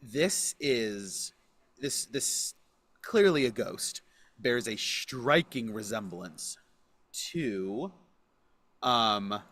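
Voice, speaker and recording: Unhurried male game master. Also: mid-range voice, animated, a bit bright, no echo. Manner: unhurried, many fillers and restarts. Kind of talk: narrating a tabletop game.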